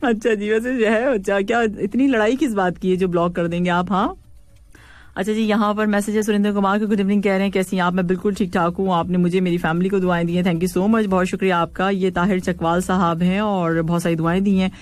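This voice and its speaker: A woman's voice: mid-range voice, steady tone, a little fast, a little mellow, dry recording. A woman hosting a radio call-in show, reading listeners' messages and teasing them playfully, laughing often. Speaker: radio host.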